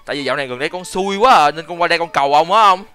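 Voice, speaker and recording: An excitable young man hosts a game video, talking very fast in a high, bright voice. He jumps into role-play and yells repeated words when things get tense. Faint background music runs under him. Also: clean tone. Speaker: gaming channel host.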